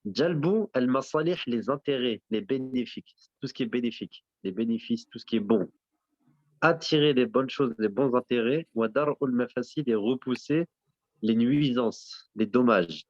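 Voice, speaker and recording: A man's voice: medium pitch, moderate pace, a little mellow, no echo. Man quizzing a class, lo-fi. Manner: quizzes the class, repeats and affirms answers; mixes in Arabic religious terms. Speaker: teacher. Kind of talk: interactive classroom lesson.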